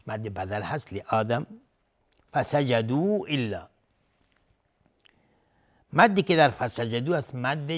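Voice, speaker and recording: A man teaching Quran recitation, chanting verses slowly and melodically, then explaining the rules in quick, lower speech. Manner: melodic slow chanting, then rapid low-voiced explanations.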